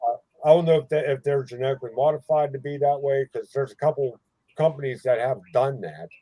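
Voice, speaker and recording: Mellow man chatting, dry close sound. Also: mid-range voice, fairly quick, no echo, low-quality recording. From southwestern Pennsylvania. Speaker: participant in a live group chat. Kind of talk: casual chat.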